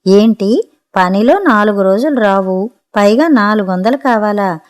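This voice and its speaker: A woman's voice: medium pitch, animated, measured pace, lightly acted. A woman voicing an impatient housewife who scolds her maid curtly. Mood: scolding. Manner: scolding, curt. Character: sharp-tongued adult daughter, impatient woman.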